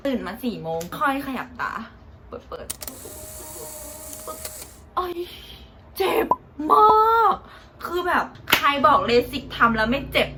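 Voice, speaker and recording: A chatty young woman tells her own story casually, with a slightly high voice and loose, slangy talk. Loud background noise sits under her voice throughout. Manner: chatty, animated, swears casually. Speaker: vlogger.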